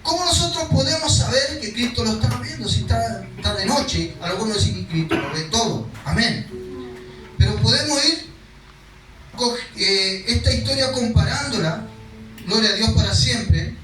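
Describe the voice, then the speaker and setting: A male pastor with a high, somewhat bright voice and lively intonation reads scripture aloud at normal speed, then explains it conversationally, sometimes acting out the cries of people in the story. He is recorded from a distance in an echoey hall with faint music behind.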